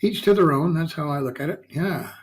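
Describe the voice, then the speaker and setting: A man's voice: fairly high pitch, a little fast, rough recording. A man hosting a casual online interview, folksy and chatty, often tagging his sentences with "okay?" and "yeah". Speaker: talk show host.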